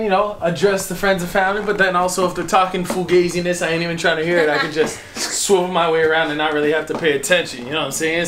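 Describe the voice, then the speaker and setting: Young male vlogger, casual slang-heavy house tour, slightly high voice, camera mic indoors. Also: fairly bright tone. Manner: laid-back slangy banter, walking and pointing things out.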